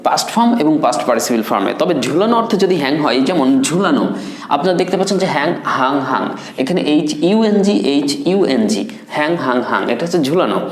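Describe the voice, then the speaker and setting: A man teaching a spoken English lesson, drilling word forms with slow repetition. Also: fairly high pitch, expressive. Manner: repeats words and forms slowly, drills pronunciation. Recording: echoey room.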